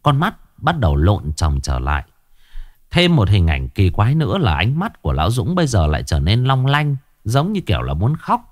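Animated male ghost-story narrator. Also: on the low side, normal speed, dry recording, clean studio sound. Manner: expressive, animated. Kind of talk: scripted horror story narration. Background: faint music.

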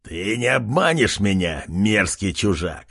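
A man voicing a fat, suspicious male boar chieftain in a fantasy audiobook, with a husky voice. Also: fairly low pitch, very animated, a little slow, a bit bright, dry recording, studio quality, heavily acted. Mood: angry, frightened.

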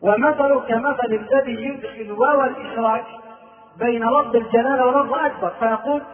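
An Egyptian man gives a religious lesson in a high voice, stopping to chant out drawn-out examples. He sounds far from the microphone in an echoing room. The old recording has a thin, phone-like tone. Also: steady tone. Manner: explains, then chants and drawls examples to demonstrate. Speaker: Islamic preacher. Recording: distant, echoey, phone-like old tape recording.

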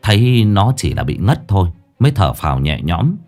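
A man narrating a ghost story with an expressive, dramatic reading. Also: low-pitched, moderate pace, faint music behind.

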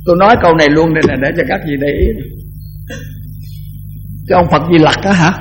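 An older man, a Buddhist monk, giving a conversational dharma talk that often repeats words and slows down to chant verses. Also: on the high side, soft background music, rough recording.

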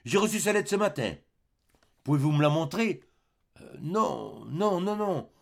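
A man reading an audiobook and voicing a frightened young woman under hypnosis, who begs in a halting, trembling voice. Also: fairly high pitch, lively intonation, pitched above the performer's own voice, natural voice. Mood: evasive. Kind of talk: audiobook character voice.

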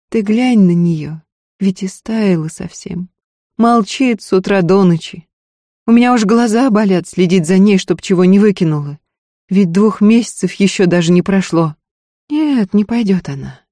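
A reader voicing a weary, sharp-tongued frontier wife in an audiobook, scolding and worried. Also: mid-range voice, no room sound, clean studio sound, pitched above the performer's own voice. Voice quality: scolding, quick to anger. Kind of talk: audiobook character voice.

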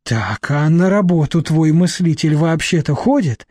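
A man's voice: fairly high pitch, animated, a little slow, a little mellow, no room sound, studio quality. A man reading an audiobook, voicing a shrewd middle-aged woman who talks bluntly and sardonically. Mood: sardonic.

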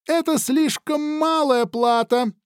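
A man's voice: very high-pitched, slow pace, dry recording, clean studio sound, pitched above the performer's own voice. A man reading an audiobook, voicing a haughty alien intelligence with a thin voice, somewhere between a woman and a child. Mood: taunting. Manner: cold, haughty, taunting. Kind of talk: audiobook character voice.

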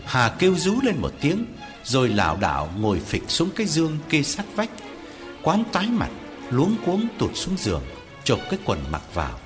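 Lively man narrating a ghost story. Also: medium pitch. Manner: expressive storyteller. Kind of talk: dramatic horror story narration.

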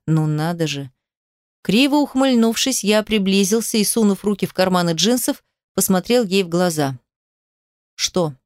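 A woman narrates an audiobook in an even, measured first-person reading. Her voice sits at a medium pitch, recorded dry and close with no room sound. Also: clear, resonant tone, no room sound.

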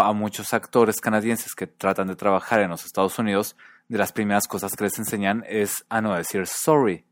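A man hosting a podcast, giving a scripted, clear explanation and slowly repeating example words to show each sound. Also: fairly low pitch, no echo. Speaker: podcast host. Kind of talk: scripted educational narration.

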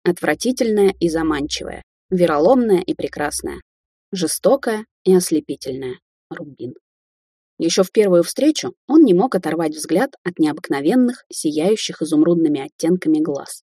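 A woman narrating an audiobook in a measured, expressive way, recorded close and dry. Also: lowish voice, husky, no room sound. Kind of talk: scripted narration.

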